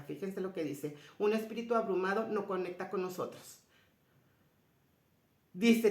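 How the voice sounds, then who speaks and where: A woman shares a spiritual personal testimony, speaking directly to her listeners. She retells conversations in a soft voice that often sinks low and quiet. Her pitch sits in a middle range, and the recording has a roomy echo. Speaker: speaker sharing a personal story. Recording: roomy echoey sound.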